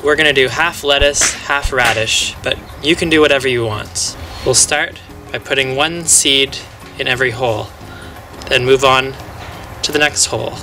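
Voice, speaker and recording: A man's voice: mid-range voice, moderate pace, music in the background. A young man, a farm educator, walking through planting steps in a playful, upbeat teaching manner. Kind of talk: instructional demonstration.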